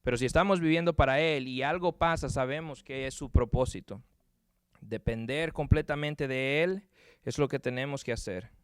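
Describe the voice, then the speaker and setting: In a dry recording, a man from Puerto Rico with a Puerto Rican Spanish accent preaches at normal speed, his mid-range voice clear and resonant. He delivers a sermon and closing prayer earnestly, repeating words as he searches for them.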